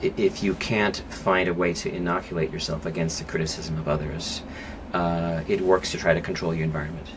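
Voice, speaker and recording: Male podcast guest, psychologist type. Very low, deep register. Measured, reflective delivery. Steady noise under the voice. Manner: thoughtful, measured, with pauses and fillers. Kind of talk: podcast interview conversation. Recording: clear background noise.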